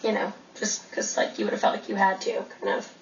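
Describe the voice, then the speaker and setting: A woman's voice: mid-range voice, little pitch movement, brisk, gravelly, slight background noise, natural voice. Hannah, a woman playing a rambling young writer. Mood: probing. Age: young adult. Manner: rambling, hedging with "like" and "kind of". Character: earnest self-absorbed young woman writer. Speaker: aspiring writer girlfriend. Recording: distant, dull TV soundtrack.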